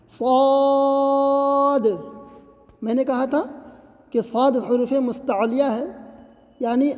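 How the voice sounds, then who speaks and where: A woman's voice: fairly high pitch, mellow, long reverb tail. A woman teaching a tajweed lesson, explaining patiently and reassuringly, and drawing out each letter sound as she demonstrates it. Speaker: Quran recitation teacher.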